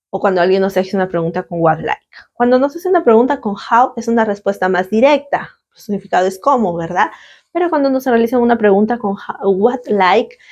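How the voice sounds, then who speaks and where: A woman teaching an English lesson in Spanish, saying English phrases slowly and carefully for her students and checking in with "¿sí?". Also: medium pitch, creaky, a little mellow, dull audio. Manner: slow, careful model pronunciation with frequent checking "¿sí?".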